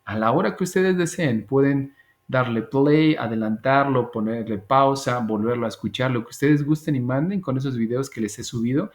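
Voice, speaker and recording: A man teaching an English grammar class over a video call, patiently repeating example phrases slowly. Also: medium pitch. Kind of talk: online class explanation.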